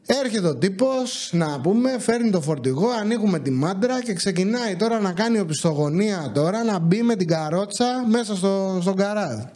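A man telling a comedic anecdote on his podcast in an animated, exasperated way, acting out what others said. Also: high voice, hardly any pauses. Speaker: podcast host. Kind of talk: comedic storytelling.

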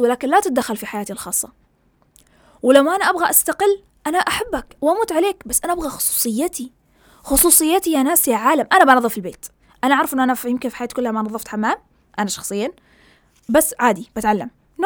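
A woman's voice: high-pitched, no echo. A young woman, giving an impassioned, ranting opinion monologue and mixing in English words.

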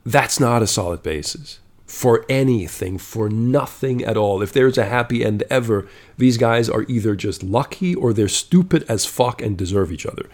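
A man's voice: medium pitch, expressive, normal speed, few pauses, a little mellow. A man telling a story in a casual monologue, blunt and profane, growing exasperated and checking in with "okay?".

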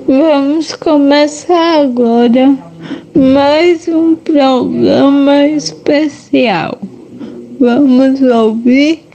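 A Brazilian woman presents a radio programme in a high voice with a mellow tone. She goes very slowly through her scripted introduction on a dull, faintly noisy recording.

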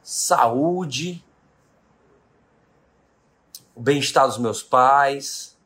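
His voice is medium-pitched and fairly bright with a breathy edge, and he talks very slowly. He's a business owner from Brazil in his late thirties, speaking emphatically to a live-stream audience in a motivational talk and repeating his key questions.

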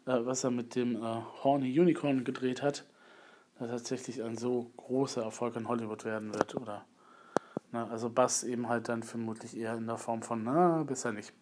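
A video blogger with a slight cold delivers a rambling, hesitant spoken review as a casual monologue. His voice is medium-pitched with a darkish tone, and he keeps repeating filler phrases.

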